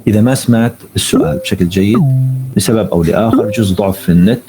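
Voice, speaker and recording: A man teaching an online English lesson. He reads each tip slowly in English and then explains it in Arabic. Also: fairly low pitch, noisy background.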